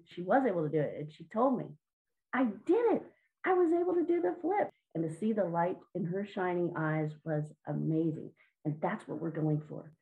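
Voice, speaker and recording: Warm low-voiced woman coaching. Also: creaky, muffled recording. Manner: earnest, encouraging, with some repeated words. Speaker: guest, children's mindset coach. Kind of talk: interview answers.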